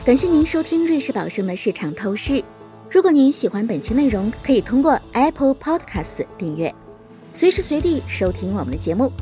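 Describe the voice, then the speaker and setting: A woman reading a formal podcast outro and legal disclaimer. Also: medium pitch. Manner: formal, even announcing. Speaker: podcast announcer.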